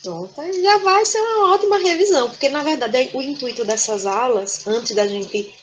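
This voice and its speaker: A woman's voice: high voice, expressive, moderate pace, lo-fi sound, a little hiss or hum. A woman teacher with a Brazilian Portuguese accent giving a remote class, explaining patiently and tagging her sentences with "né?". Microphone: video call.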